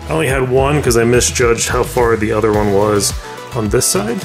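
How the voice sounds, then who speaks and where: A man's voice: medium pitch, lively intonation, moderate pace, gravelly. A man in his thirties giving casual how-to narration of a workshop build, practical, with filler words and self-corrections. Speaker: DIY builder. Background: background music.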